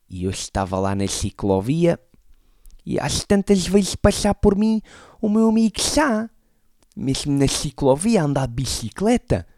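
A man, telling an absurd story deadpan as a stand-up comedian. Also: medium pitch, dry recording, clean studio sound.

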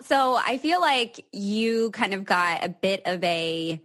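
A woman's voice: medium pitch, animated, takes it slowly, fairly bright tone. A woman in her twenties hosting a casual interview podcast, asking meandering questions and affirming her guest often. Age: 20s. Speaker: podcast host.

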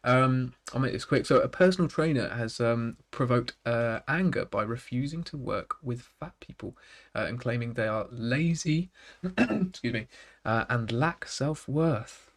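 A man co-hosts a loose, casual chat, tossing in quick jokes and breaking into laughter often. His voice sits at an ordinary pitch for a man. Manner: jokey, quick quips and bursts of laughter. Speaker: podcast co-host.

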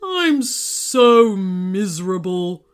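Lady putting on a big sulky volcano, sighs and grumbles, loud and boomy, slow drawl. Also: very animated, clean tone, faint music behind. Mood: grumbling. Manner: grumbling, miserable, sighing. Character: huge grumpy old volcano with a stomachache.

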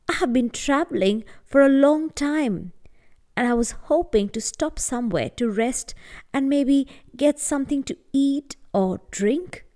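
A woman's voice: high voice, lively intonation, a little slow, mellow, voice pushed up. A woman storyteller voicing a small, weary old woman traveler who asks polite, tentative questions. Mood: weary, pleading. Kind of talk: acted storytelling dialogue.

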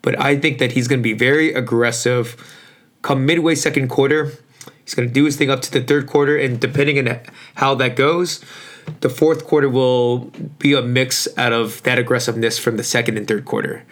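A man hosting a casual sports podcast in slangy, informal talk, his voice hoarse and worn out as if from yelling. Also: medium pitch, steady tone, a little fast. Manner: informal, slangy, mildly profane. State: hoarse, voice shot from overuse. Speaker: podcast host.

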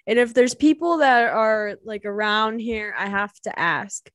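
A woman's voice: on the high side, unhurried. A woman from the Chicago suburbs hosting a casual podcast interview, chatty and teasing, often laughing. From Illinois, Chicago suburbs. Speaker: podcast host.

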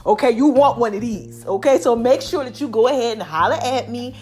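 A woman's voice: on the high side, fairly quick, darkish tone, faint music behind. An American woman in her forties talking casually and emphatically to her online audience like a motivational host, repeating catchphrases and checking in often, her voice slightly affected by allergies. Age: 40s. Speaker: online motivational host selling her own fitness line. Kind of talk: casual direct-to-audience monologue.

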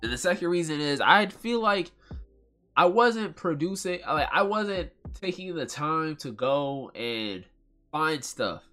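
A man's voice: fairly high pitch, sing-song, slow, sharp tone, faint music behind. A man hosting a casual solo podcast in a congested, nasal whine, rambling in slang and repeating phrases for emphasis. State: congested from allergies. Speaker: podcast host.

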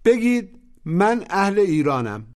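Man, teacher on a lesson tape, somewhat high voice, coaching and didactic. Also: very animated, a little mellow. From Iran. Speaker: language teacher. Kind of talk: taped language lesson instructions.

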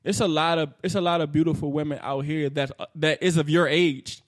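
A man co-hosting a casual podcast, asking skeptical questions in relaxed slang. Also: a little high, moderate pace. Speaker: podcast co-host. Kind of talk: casual chat.

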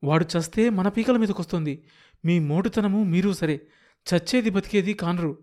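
A man reading a novel aloud, voicing a frightened village housewife who pleads in a high, strained voice. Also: normal speed, darkish tone, natural voice. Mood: pleading.

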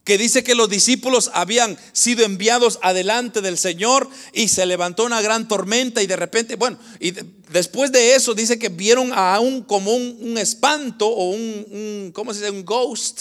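A man preaching a sermon, addressing his congregation as brothers and acting out Bible scenes with animated voices. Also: sits high, moderate pace. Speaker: pastor.

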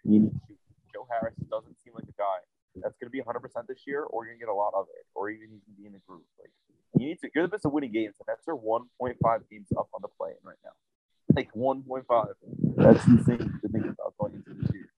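A man's voice: fast, dry recording. A man co-hosting a casual sports podcast, rambling with lots of fillers, his audio muffled and underwater-sounding as his hand covers the mic. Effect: muffled, underwater-sounding audio, volume dropping low. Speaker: podcast co-host.

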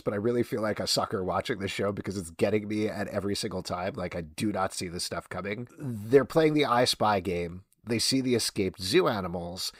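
Podcast co-host, male, low voice, dry close sound, earnest and a little self-mocking in casual show talk. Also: no echo. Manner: earnest, self-deprecating, talks things through at length. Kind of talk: casual TV episode discussion.

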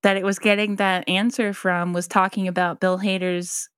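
A woman's voice: medium pitch, level tone, moderate pace, fairly bright tone, clean tone, no room sound, studio quality. A woman co-hosting a casual chat, curious and asking questions, laughing along. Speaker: podcast co-host.

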